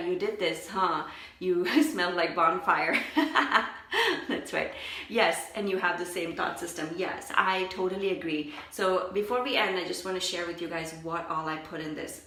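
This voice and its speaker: On a casual livestream, a woman who coaches people spiritually talks with her viewers, answering them and reflecting as she goes. Her voice is on the low side with a fairly bright tone, she leans on "like" often, and the room echoes.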